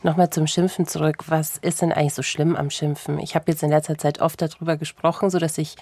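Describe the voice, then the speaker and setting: Low, dark-voiced woman interviewer. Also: little pitch movement, quick pace, dry recording. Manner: asks short, direct questions. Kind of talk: conversational interview.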